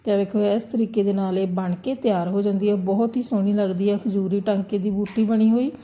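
A woman calmly walks viewers through a hand embroidery lesson. Her voice is very dark and mellow at a middle pitch, and she keeps repeating the steps in a gentle instructional tone. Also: brisk. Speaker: embroidery teacher. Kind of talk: step-by-step craft tutorial narration.

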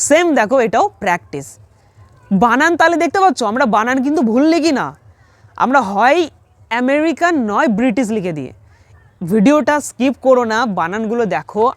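A woman teaching English spelling in an online lesson, patiently spelling words letter by letter and repeating each one slowly. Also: on the high side, no room sound.

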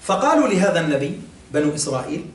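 A man teaching a classroom religious lesson, explaining patiently, quizzing listeners and pausing on fillers. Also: a little high, sing-song. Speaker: sheikh teaching Quran exegesis. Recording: echoey room, mic at a distance, faint ambience.

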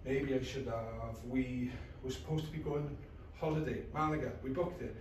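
In a small, bare indoor rehearsal room, an actor in his thirties delivers a brooding, intense scripted monologue in clipped, short phrases. His voice is medium-pitched, with fairly even intonation, at normal speed. Captured by a camera across the room, the sound is echoey, distant and faintly noisy.

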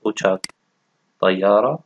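A man's voice: fairly low pitch, fairly quick. A man, teaching a textbook language lesson and patiently repeating each word. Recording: dull, dry lo-fi audio.

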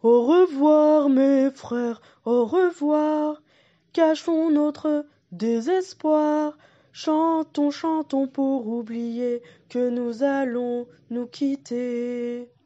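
A woman voicing three plump little pigs who plead in a slow, sing-song way. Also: sits high, warm tone, muffled recording, voice pushed up, close to an everyday voice. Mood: mournful sing-song.

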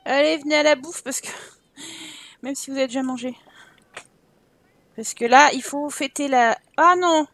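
Young woman, high-pitched, casual let's-play commentary, exasperated and swearing. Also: measured pace, pauses often, a bit bright, dry recording. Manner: exasperated, swears at the game, talks to her Sims. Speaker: Sims let's play streamer.

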